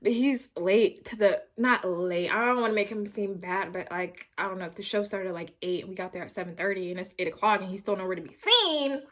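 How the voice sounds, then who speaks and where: A young woman vlogger telling a casual storytime, animated and rambling, with lots of slang and swearing. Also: medium pitch, a little fast, hardly any pauses. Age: young adult.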